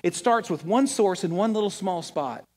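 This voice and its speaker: A man preaching a sermon, mixing a funny personal story with scripture, animated and laughing at his own punchlines. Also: high-pitched, normal speed. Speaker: pastor.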